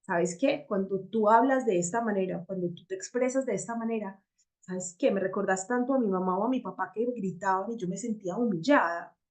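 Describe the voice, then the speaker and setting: A woman's voice: medium pitch, a little fast, a little mellow. Lady teaching a self-growth workshop, reflective, keeps asking the group if they follow. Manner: reflective, checks in with listeners often, acts out example dialogues. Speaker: workshop facilitator.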